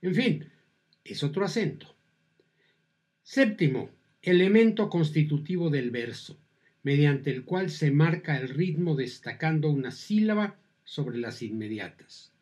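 A man with a Mexican accent teaching slowly and patiently, his voice a little high. He talks to the viewers like in a conversation and acts out the examples. The delivery is calm and clear. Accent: Mexican Spanish. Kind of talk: explaining to viewers.

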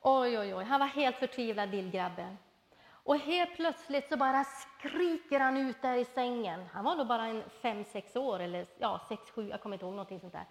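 A middle-aged woman preaching a sermon, telling personal stories in a lively way and acting out the voices she quotes. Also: a little high. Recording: reverberant hall.

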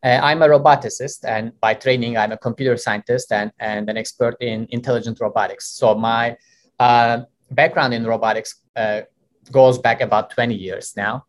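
A man's voice: medium pitch, fairly even intonation, a little hiss or hum. Turkish-born man with heavy "uh" fillers. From Turkey. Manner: many "uh" fillers, measured. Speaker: guest, company co-founder. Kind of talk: interview answers.

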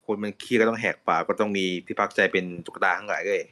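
Low-voiced man in laid-back chat. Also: racing, sharp tone. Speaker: podcast host. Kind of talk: casual chat. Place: voice chat call.

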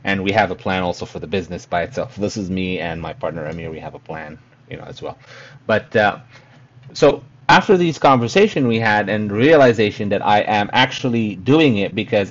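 Low-voiced man, dull lo-fi sound. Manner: halting, searching for words, repeats himself. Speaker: podcast host. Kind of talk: casual reflective monologue.

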